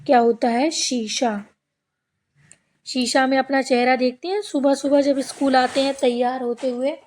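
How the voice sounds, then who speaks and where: Woman teacher for a children's workbook lesson: high voice, very slow, call-and-response repetition. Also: a little mellow, slight background noise. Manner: asks a question and answers it herself, repeating words slowly. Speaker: primary school teacher.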